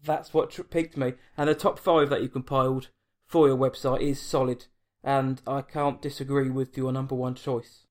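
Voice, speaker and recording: A man's voice: medium pitch, level tone, moderate pace, darkish tone. A man with an English accent, hosting a film podcast and chatting casually with a guest over an online call. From England. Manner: chatty, self-deprecating, with restarts. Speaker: podcast host. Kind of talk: casual interview chat. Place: home, late at night.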